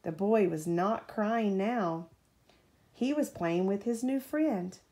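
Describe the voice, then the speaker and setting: This mid-range female voice belongs to a mother reading a children's story at bedtime. She reads animatedly and breaks off at points to ask the child something.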